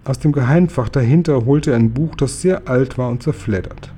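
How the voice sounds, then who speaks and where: A man reading a children's book aloud in a calm, even storytelling manner. His voice is dark and mellow at an ordinary male pitch. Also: moderate pace, slightly rough. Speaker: reader.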